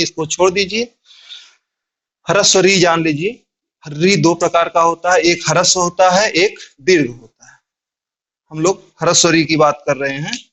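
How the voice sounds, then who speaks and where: A man with a high voice teaches a grammar lesson. He explains each point slowly and deliberately, step by step, and keeps asking his class questions that he then answers himself. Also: fairly bright tone.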